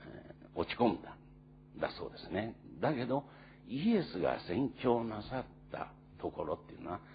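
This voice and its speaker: Casting note: male pastor, low lively delivery, earnest and unhurried sermon with fillers, slightly muffled recording with faint hum. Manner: earnest storytelling with many pauses and fillers.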